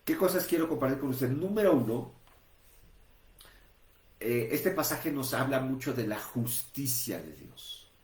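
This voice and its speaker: A man preaching a sermon at a middle pitch, working through numbered points and rhetorical questions with frequent restarts. The room is echoey. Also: expressive, a little slow, long pauses, darkish tone. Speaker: pastor.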